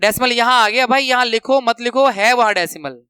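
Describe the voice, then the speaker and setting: A man teaching a maths lesson, counting steps out loud and repeating the rules for students to remember, speaking terms. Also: very high voice, fairly quick, smooth, no echo. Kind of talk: classroom lesson explanation.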